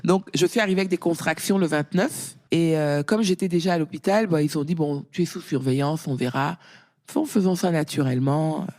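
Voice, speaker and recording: A middle-aged woman guest talking casually in an interview, a lively storyteller whose voice rises when she quotes others. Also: low voice, a little fast. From France.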